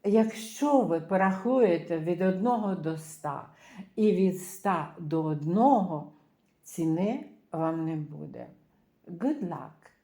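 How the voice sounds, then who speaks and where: Woman teacher, lively pitch, echoey room, slow repetition drills. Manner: slow, drawn-out repetition of words for learners. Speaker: English teacher. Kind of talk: beginner language lesson.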